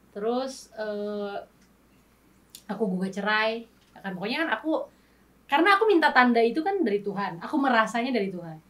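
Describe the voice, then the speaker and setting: A woman guest on an interview show, telling her story in candid, animated casual chat and acting out past arguments. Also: medium pitch, distant mic.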